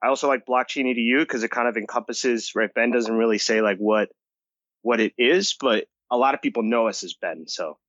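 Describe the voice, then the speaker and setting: A man's voice: medium pitch, a little fast, a bit bright, no room sound, muffled recording. A young man from the United States, an enthusiastic podcast guest talking casually with lots of fillers. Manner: enthusiastic, talkative, many "like" fillers. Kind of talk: casual interview talk.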